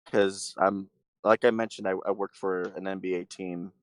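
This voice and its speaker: A man's voice: deep voice, little pitch movement, moderate pace, clean tone, no room sound. A man speaking as a podcast guest, hesitant, with a dry self-deprecating humor. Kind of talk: casual chat.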